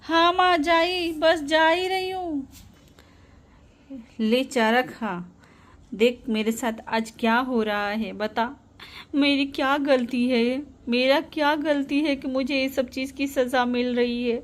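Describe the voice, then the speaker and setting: A woman's voice: high voice, steady tone, takes it slowly. A woman voicing a mistreated young daughter who answers meekly and pleads through tears. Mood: tearful. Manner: meek, pleading, sobbing. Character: mistreated teenage daughter, meek and tearful.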